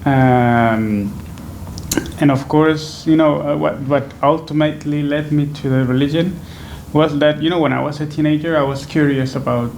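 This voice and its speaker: A man's voice: a little high, fairly even intonation, moderate pace, gravelly, a little mellow, slight background noise. A man in his twenties from Venezuela, answering interview questions in a thoughtful, hesitant way with many fillers and restarts, seated indoors at a stand microphone. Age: 20s. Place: small indoor room, seated on a sofa. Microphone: stand microphone in front.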